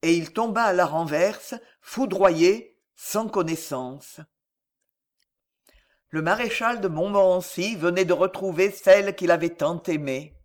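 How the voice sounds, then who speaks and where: Slow, high-voiced dramatic male reader. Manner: measured, expressive, dramatic pauses. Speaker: audiobook reader. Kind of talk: dramatic reading of a classic novel.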